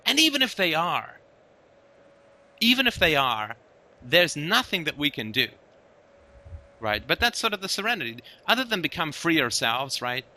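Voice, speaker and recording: A man's voice: fairly high pitch, sing-song, normal speed, pauses often, sharp tone. A man hosting a casual conversation, talking emphatically and often checking in with "right?". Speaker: host.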